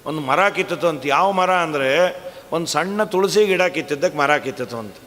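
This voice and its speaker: A man telling a devotional story in conversational speech and breaking into slow, melodic chanting of verses. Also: fairly high pitch, a bit bright, long reverb tail, a little hiss or hum. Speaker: religious scholar and storyteller.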